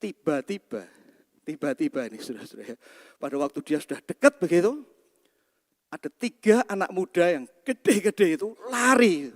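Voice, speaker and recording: A male pastor preaching in a church, his fairly high voice carrying a long reverb through the hall. He tells a personal story and keeps calling out to the congregation as he goes. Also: sing-song, fairly quick, long pauses, darkish tone. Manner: storytelling, often addresses the congregation directly.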